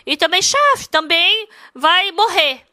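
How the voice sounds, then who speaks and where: A woman's voice: very high voice, lively intonation, unhurried, sharp tone, no echo, studio quality. A woman interprets a sermon. She speaks emphatically, repeats her points and asks the congregation many rhetorical questions.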